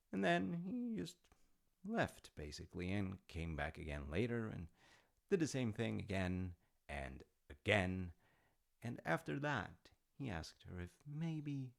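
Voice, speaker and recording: A man plays a proud, affectionate dad in an intimate audio roleplay, rambling through stories in a musing, conversational way with hesitant asides. His voice sits low, gravelly and exaggerated.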